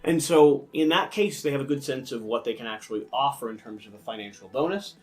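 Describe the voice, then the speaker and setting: A man hosting a casual board game review discussion, with a lisp that draws his s sounds out like a snake. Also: medium pitch. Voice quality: lisp with drawn-out, hissy snake-like s.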